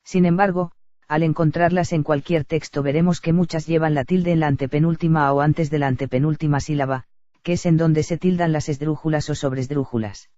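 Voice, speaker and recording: A man reading a grammar lesson aloud in a steady, even lecture delivery. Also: on the high side, fairly quick, dry recording. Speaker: teacher. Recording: dull lo-fi dry recording.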